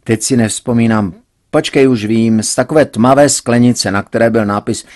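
A man's voice: mid-range voice, steady tone, darkish tone, lightly acted. A man voicing a stubborn, cajoling young adult daughter in a read-aloud story. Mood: coaxing.

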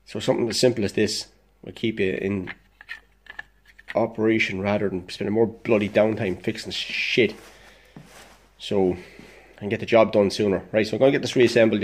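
A DIY vlogger with a lowish voice and a little hiss or hum on the recording, congested and dosed up with illness. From his workbench in an indoor workshop, he casually explains a DIY fix in a blunt, plain-spoken way, throwing in the odd swear.

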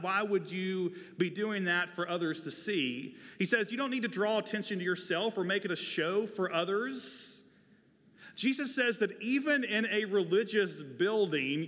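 In a large church sanctuary, an American pastor in his forties preaches from a wooden pulpit. His high, bright voice carries a forceful tone. He wears a lapel mic, and the hall's reverberation rings around his words.

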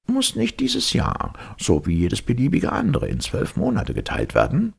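Male reader voicing a pedantic professor: lecturing, high-pitched, husky grit. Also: wildly swooping pitch, moderate pace, exaggerated voice. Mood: dry, pedantic. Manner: dry lecturing tone. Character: strict pedantic male professor, dry and snappish.

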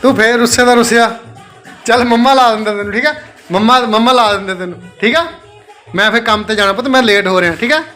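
A man's voice: high voice, quick pace, bright, forceful tone, faint music behind. A young father vlogging his family day, talking to his children in a doting, coaxing way and often checking that they agree. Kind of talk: casual family vlog narration.

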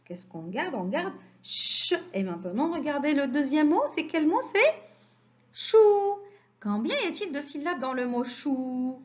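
A woman teaching a phonics lesson to young children, stressing each syllable slowly in a sing-song way. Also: sits high, big pitch swings, muffled recording.

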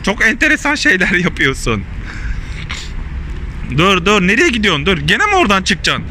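A man's voice: high voice, normal speed. A man filming his daughter at a playground, cheering and coaxing her in casual vlog talk to viewers. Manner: excited, exclaiming, coaxing. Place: outdoor playground. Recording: noisy outdoor handheld recording. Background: city street noise and traffic.

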